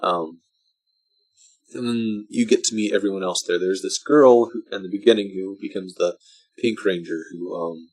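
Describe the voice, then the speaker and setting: Male vlogger, deep voice, drunk; off-the-cuff movie talk that stops, starts and wanders. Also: a little mellow, low-quality recording. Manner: halting, meandering, trails off mid-thought. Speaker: vlogger reviewing a film. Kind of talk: casual rambling movie commentary.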